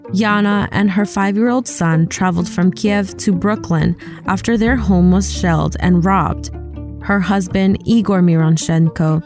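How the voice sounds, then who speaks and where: A woman reads a scripted news podcast introduction in a clear, measured way. Her voice is mellow and mid-pitched. Faint guitar music plays behind her. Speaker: podcast host. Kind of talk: scripted narration.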